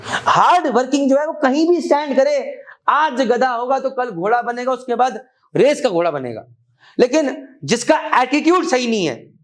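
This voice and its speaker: Stern high-voiced man lecturing. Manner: stern, scolding, mixes Hindi and English. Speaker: academy head addressing students. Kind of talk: motivational classroom lecture.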